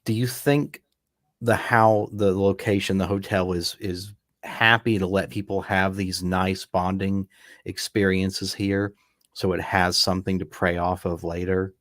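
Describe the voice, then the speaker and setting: Relaxed and rambly, a man co-hosting a casual film commentary podcast talks a little slowly in a low-pitched voice, with frequent restarts. It's studio quality with no echo.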